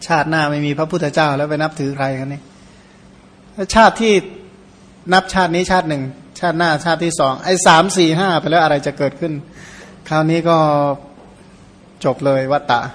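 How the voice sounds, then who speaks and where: A middle-aged monk, a native Khmer speaker from Surin in Thailand, preaching a Dharma sermon. His voice sits a touch high for a man, and he keeps it relaxed and talky, tossing questions to his listeners and adding homely asides. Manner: conversational, rhetorical questions, folksy asides. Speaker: Buddhist monk.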